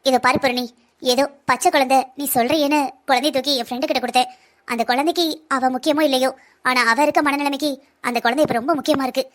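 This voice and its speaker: Cartoon heroine, young, arrogant and defiant, fast and high, voiced by a woman. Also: steady tone, fairly bright tone. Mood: taunting. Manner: taunting, defiant. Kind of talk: Tamil cartoon voice acting.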